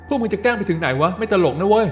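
Man playing a puzzled young guy, blunt slangy questions, fairly high voice, faint music. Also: expressive, a little fast, darkish tone. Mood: suspicious. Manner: groggy then questioning, blunt slangy speech. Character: young man woken by late-night call, puzzled.

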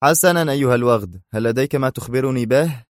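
A man voicing a calm, mocking male spy hero in an audiobook thriller, speaking with a cool edge. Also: medium pitch, fast, no echo, clean studio sound, pitched above the performer's own voice, close to an everyday voice.

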